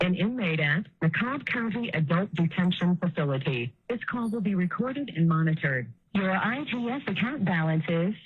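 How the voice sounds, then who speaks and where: Woman, automated prison phone prompt, tinny phone line, husky tone, lively pitch. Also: dry recording. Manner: measured, evenly spaced prompts. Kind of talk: recorded automated announcement.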